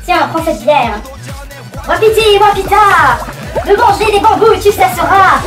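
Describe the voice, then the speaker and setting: A woman's voice: very high-pitched, lively intonation, a little slow. A woman playing an insistent, bossy reveller in an amateur comedy film. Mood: commanding. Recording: echoey, distant mic, music behind.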